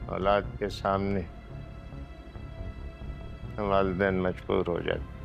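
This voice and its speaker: A proud, unbending older patriarch in a TV drama, with a Pakistani accent. His voice is low and gravelly, and he keeps it flat and even. He speaks slowly and gravely, weighing every word. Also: muffled recording, faint music behind, heavily acted. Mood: stern, grave. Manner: slow, grave and measured. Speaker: stern family elder, the father.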